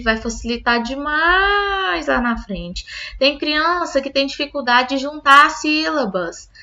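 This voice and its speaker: A woman teacher with a high, pushed, bright voice explains a classroom literacy activity to fellow teachers, often checking in with them. She addresses them as "gente" and keeps adding "tá?" as she explains. The highs in the recording are cut off.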